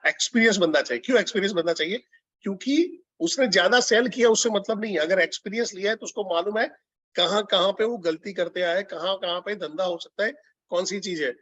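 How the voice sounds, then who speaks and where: A man with a high-pitched, fairly bright voice speaks a little quickly, training telecallers as a business consultant. His talk is conversational, code-switches between Hindi and English, and invites audience answers. The audio has no echo and sounds dull and lo-fi.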